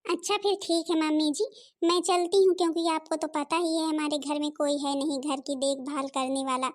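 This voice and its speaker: A woman's voice: high voice, steady tone, normal speed. A woman voicing every figure of a cartoon family drama, from a sweet mother-in-law to scheming and scolding daughters.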